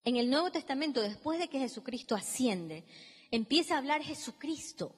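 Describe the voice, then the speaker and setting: Woman preacher, high and bright, dramatic sermon delivery, long hall reverb. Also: expressive, moderate pace, slightly rough. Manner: emphatic, dramatic, acts out biblical dialogue.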